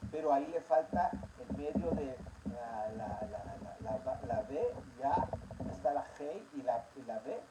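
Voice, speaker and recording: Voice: mid-range voice, measured pace. A Bible teacher giving a religious teaching in an emphatic way, repeating key words and asking the listeners rhetorical questions. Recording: steady background noise.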